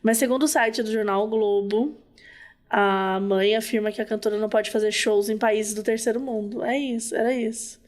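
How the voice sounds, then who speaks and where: A woman's voice: medium pitch, steady tone, moderate pace. A woman with a Brazilian Portuguese accent, a podcast host in chatty, giggly gossip. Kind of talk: casual chat.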